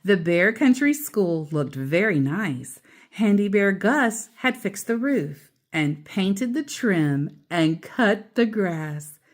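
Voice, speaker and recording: A woman reads a children's book aloud in a mid-range voice, her delivery expressive, deliberate and emphatic, with casual asides along the way.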